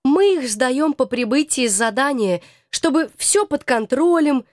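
Huffy nervous scientist guy, boastful, shaky voice, read by a lady in a high dry voice. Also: animated, unhurried, no echo. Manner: shaky, huffy, self-important. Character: jittery runaway male scientist, touchy and boastful. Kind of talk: audiobook character reading.

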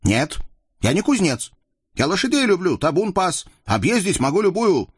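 A proud, hot-headed young horseman, as a man puts him on in a storybook reading, his voice lifted high and husky. He boasts and bristles. The sound is dry and close. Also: very animated, normal speed, no room sound, full character voice. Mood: earnest. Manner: boastful, indignant.

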